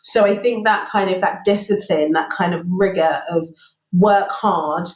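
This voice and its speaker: A woman's voice: on the low side, measured pace, roomy sound, rough recording. A woman from London, a business partner, speaking thoughtfully as a guest in a remote interview, with fillers and light laughs. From England (London). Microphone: remote call recording.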